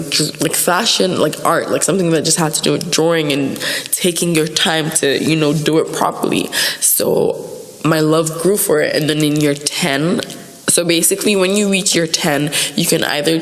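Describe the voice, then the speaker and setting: A young woman from Nigeria, a university student talking as a podcast guest in a soft, reserved way with lots of "like" fillers. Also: low voice, big-room sound, a little hiss or hum. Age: young adult. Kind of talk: casual podcast interview.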